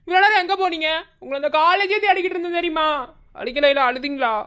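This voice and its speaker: A woman's voice: very high-pitched, fast, a bit bright. A woman voicing a devoted, protective young college man in a cartoon, earnest and coaxing. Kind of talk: Tamil cartoon voice acting.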